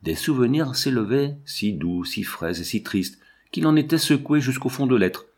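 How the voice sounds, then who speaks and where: A man narrating a classic novel with an expressive, varied delivery. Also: medium pitch, moderate pace, slightly rough. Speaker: audiobook reader. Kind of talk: literary narration.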